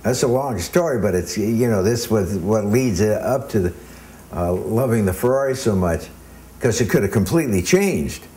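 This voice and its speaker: Deep-voiced man telling old stories. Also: animated, moderate pace, darkish tone. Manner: rambling anecdotes with many ums. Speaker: interview guest. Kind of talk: casual storytelling.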